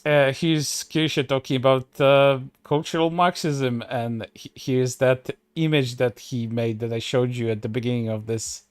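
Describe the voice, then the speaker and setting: A man's voice: mid-range voice, steady tone, unhurried, few pauses, smooth, no echo. A man commenting on online posts in a sarcastic, profane way, with many fillers and restarts. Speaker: streamer.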